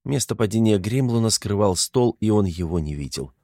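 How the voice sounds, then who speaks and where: A man narrating an audiobook in an even, measured reading. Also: on the low side, no room sound, studio quality. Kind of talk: scripted narration.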